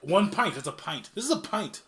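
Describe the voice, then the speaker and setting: A man's voice: sits high, very animated, brisk, bright, forceful tone. A man co-hosting a podcast in casual chat, teasing and laughing. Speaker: podcast co-host.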